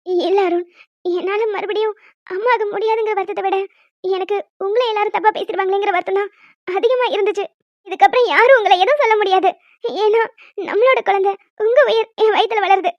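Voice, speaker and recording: A woman's voice: very high voice, a little fast, dry recording. A woman voicing an emotional young wife in a cartoon, earnest and heartfelt, near tears. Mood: tearful. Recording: dull dry sound.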